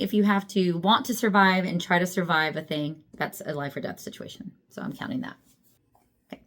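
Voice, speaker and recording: A young adult woman chatting casually about books, laughing often and poking fun at herself. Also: lowish voice. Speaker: book vlogger. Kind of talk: casual chat.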